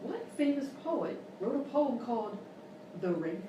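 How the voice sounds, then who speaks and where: Here the same sort of live comedy sketch finds a woman as a quiz show host who is fed up and talks down to people, prodding with mock politeness, disbelief and scolding. Her voice is on the high side and very animated at a normal speed, picked up by a distant mic in a noisy, heavily echoing room.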